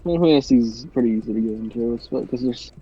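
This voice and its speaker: Over a phone voice chat, this congested young friend talks quickly in a dark, slightly rough, mid-range voice. The recording is muffled, and his casual chat rambles hesitantly with lots of restarts.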